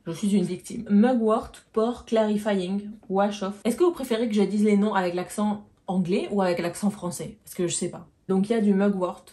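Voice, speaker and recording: Mellow-voiced woman chatting through a beauty haul. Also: mid-range voice, quick pace, hardly any pauses. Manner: chatty, explains products while showing them to viewers. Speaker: beauty vlogger. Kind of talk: casual product haul chat.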